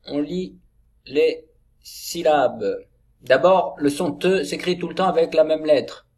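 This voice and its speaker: A man teaching a reading lesson to young children, sounding out syllables slowly and clearly. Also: a little high, a little mellow.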